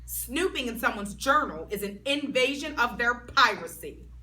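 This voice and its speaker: A woman reading aloud and voicing a bossy, hot-tempered little girl who bursts out loudly. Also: lively intonation, moderate pace. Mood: indignant. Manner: loud, high, indignant outbursts. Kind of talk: storybook read-aloud. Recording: voice a bit far from mic, faint background noise.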